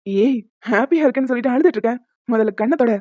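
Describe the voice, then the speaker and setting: A tender young husband from a cartoon, played by a woman who drops her voice low, soothing and calm with a quick, easy flow. His tone is mellow, and the sound is dry and a little dull. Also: no echo, lightly acted. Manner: calm, comforting, lowered voice.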